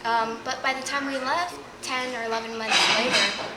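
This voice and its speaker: A woman from New York being interviewed, speaking in a measured, thoughtful way. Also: on the high side, fairly even intonation. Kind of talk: casual interview. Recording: echoey room, party noise with dishes.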